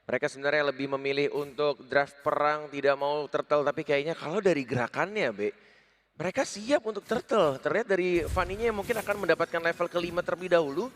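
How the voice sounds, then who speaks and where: A man's voice: on the high side, fast. An Indonesian man giving live game commentary as an esports caster.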